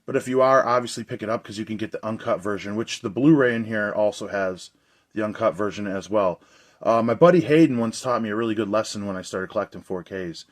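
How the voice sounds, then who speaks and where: This young man talks fast in a fairly low, slightly hoarse voice, loose and rambling as he reviews a new movie release. He sounds casual and keen, speaking for his regular channel.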